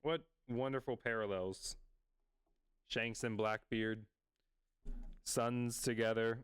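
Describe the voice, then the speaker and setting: Slow, smooth-voiced man reacting to comics. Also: medium pitch, dry recording, clean studio sound. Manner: reads panels aloud with loud excited outbursts. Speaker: comic reading and reaction host. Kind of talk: casual reading and reacting.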